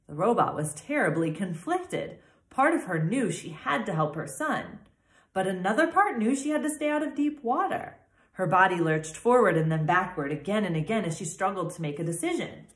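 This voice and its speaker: A woman teacher reading a chapter book aloud to her class with clear, expressive storytelling, then signing off with announcements. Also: on the low side. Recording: echoey room.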